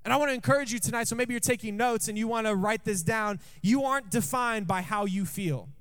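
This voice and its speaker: A man with a rather high voice preaches in a church, telling a personal story. His delivery is jokey and conversational, and he keeps throwing questions out to the congregation. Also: a little fast, fairly bright tone, smooth. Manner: jokey, asks the room questions often.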